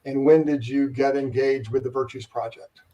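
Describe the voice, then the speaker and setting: A man hosting a casual live-stream interview, relaxed and rambling with plenty of fillers. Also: medium pitch, normal speed, recorded from a distance, highs cut off, slight background noise. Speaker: host, interviewer.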